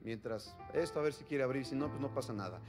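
A man's voice: mid-range voice, racing, over music. A male pastor preaching a sermon, reading scripture aloud and putting questions to his congregation. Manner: reads scripture then asks the congregation questions.

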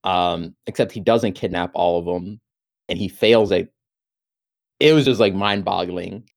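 A man's voice: low voice, measured pace. A man in casual chat, telling a story with exasperation and acting out his own reactions.

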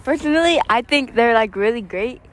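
A woman's voice: a little high, lively intonation, brisk. A teenage girl chatting casually in a mock-earnest, ironic way. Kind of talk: casual joking chat. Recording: noisy outdoor, vehicle ambience.

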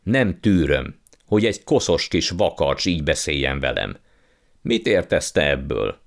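A man's voice: very deep voice, very animated, vocal fry, heavily acted. A man voicing a pompous, blustering old uncle who calls himself a scientist and magician. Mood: outraged. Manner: blustering, condescending, impatient.

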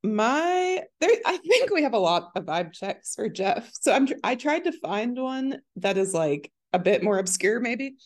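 A woman's voice: on the high side, big pitch swings, unhurried, hardly any pauses. A woman co-hosting a casual podcast, chatty and giggly. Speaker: podcast co-host.

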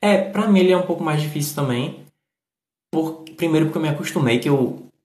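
A man's voice: on the high side, expressive, brisk, a little mellow. A man from Northeast Brazil with a Northeastern Brazilian accent, casually explaining and demonstrating pronunciations as an English teacher. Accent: Northeastern Brazilian Portuguese. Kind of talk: casual spoken commentary on a read text. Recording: echoey room.

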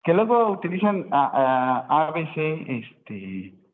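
A man's voice: fairly high pitch, big pitch swings, slow. A man, explaining a nursing topic to his class and often asking questions back. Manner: explanatory, asks rhetorical questions, self-correcting. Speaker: nursing student presenting. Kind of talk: classroom presentation. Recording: tinny phone-line sound in echoey hall.

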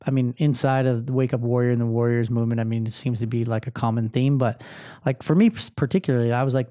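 A man's voice: medium pitch, warm tone, smooth, no echo, studio quality. A man hosting a podcast, telling personal stories in a candid, self-deprecating way and swearing freely. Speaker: podcast host. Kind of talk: casual personal monologue.

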